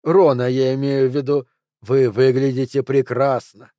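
A man reading an audiobook, voicing a calm and polite [name] impersonator who speaks gently. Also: mid-range voice, normal speed, no echo, close to an everyday voice. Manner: gentle, courteous.

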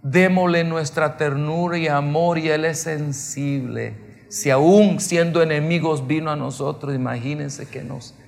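A man preaching a sermon, telling stories with emphasis and swinging from soft to loud. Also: on the high side, steady tone, unhurried, creaky, long reverb tail.

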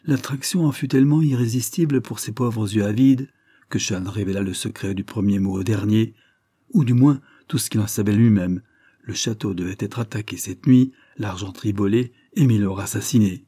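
A man narrating a classic novel as an audiobook, in a steady reading manner. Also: fairly low pitch, moderate pace, breathy edge, dry recording, clean studio sound. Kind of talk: scripted narration.

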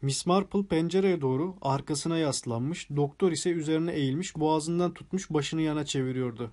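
A man narrating a mystery audiobook in a steady storytelling manner. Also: on the high side, a little fast. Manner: steady storytelling with acted dialogue. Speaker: audiobook reader.

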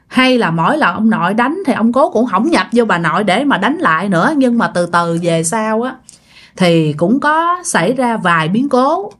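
A woman with a Southern Vietnamese accent telling a ghost story casually, acting out quoted voices. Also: mid-range voice. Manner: animated, acts out quoted voices.

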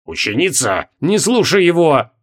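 A man's voice: fairly high pitch, wildly swooping pitch, moderate pace, sharp tone, breathy edge, heavily acted. A man reading an audiobook voices a proud, touchy archmage who roars and whines when offended. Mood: indignant. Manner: roaring, then whining. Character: proud touchy old archmage, easily enraged.

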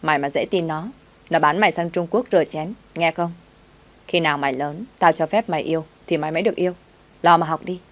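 Casting: a woman reading a gruff, bossy young master, low and scolding, storybook voice. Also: quick pace, natural voice. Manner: scolding, commanding.

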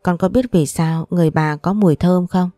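Woman voicing an older grandmother, tender, lowish voice, mellow, dry sound. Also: steady tone, a little fast, no echo, soft background music, natural voice. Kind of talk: storybook reading.

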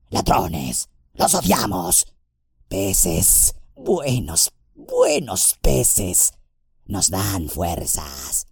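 A wretched hissing creature for an audiobook: gravelly, slow, swooping pitch. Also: male voice, no room sound, studio quality, full character voice. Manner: muttering to himself, wild swoops of pitch. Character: wretched old male creature, hissing, fawning, vicious. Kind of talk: audiobook character voice.

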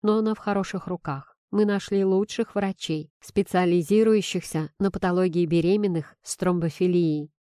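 A blunt, protective young woman in an audiobook, read by a woman narrator, clipped and dry in her delivery. The voice is mellow and warm. It sounds close and dry, with no room around it. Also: on the low side, normal speed, few pauses, smooth, no echo, close to an everyday voice. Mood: reassuring.

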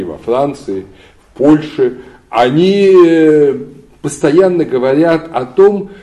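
A man giving an unscripted history lecture, often pausing with drawn-out fillers and pressing on key words with rising emphasis. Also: mid-range voice, mellow. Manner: hesitant, many drawn-out "uh" fillers, emphatic rises.

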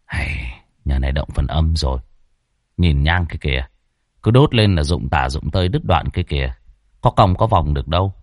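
A man voicing a young ghost hunter who speaks gravely about spirits in an audio story. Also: very deep voice, lively intonation, moderate pace, dry recording, studio quality, voice pushed down, full character voice.

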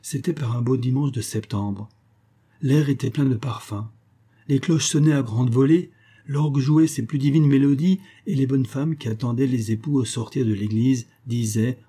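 A man reading a nineteenth-century story aloud as literary narration, in a measured storytelling manner. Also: mid-range voice, mellow, slightly rough. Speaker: audiobook reader.

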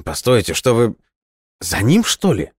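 A man voicing a hot-tempered foreign man who swears and shouts in agitated outbursts. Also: low-pitched, fairly even intonation, very slow, no echo, clean studio sound. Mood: alarmed.

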